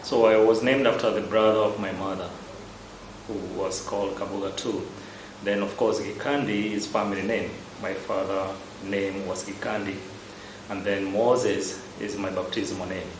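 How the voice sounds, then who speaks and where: Kenyan priest, low voice, echoey room. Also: male voice, steady tone, background noise. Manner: measured, unhurried, with frequent hesitations. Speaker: parish priest. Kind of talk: answering interview questions. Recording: roomy echo with loud background ambience.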